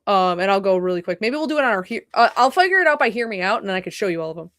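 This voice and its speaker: A woman's voice: mid-range voice, very animated, very fast, a bit bright, no echo, studio quality. A young woman streaming from home, chatting casually in a rambling, profane way, often cutting herself off and apologizing mid-thought. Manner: rambling, profane, self-interrupting, apologetic asides. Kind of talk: casual livestream chat.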